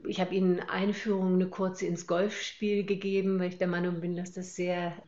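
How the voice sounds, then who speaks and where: An older woman from Hamburg, a retired teacher with a northern German accent, speaks thoughtfully as a guest on a podcast interview, with many pauses and fillers. Her voice is lowish, flat in delivery and a little mellow, and the recording sounds lo-fi.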